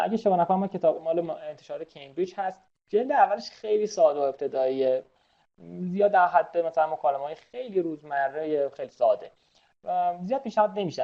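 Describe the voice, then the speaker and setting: A man's voice: a little high, highs cut off. A man teaching an IELTS webinar in a chatty, casual lecture style, full of fillers and English terms.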